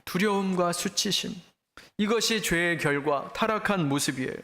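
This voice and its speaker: High-voiced man preaching in an echoey church. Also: normal speed, sharp tone. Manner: earnest, direct address to the congregation with rhetorical questions. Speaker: senior pastor. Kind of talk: sermon. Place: church sanctuary.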